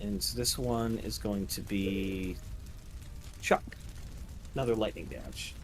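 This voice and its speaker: A man's voice: lowish voice, slow, slight background noise. Man game-mastering a tabletop game. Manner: descriptive, rules-explaining.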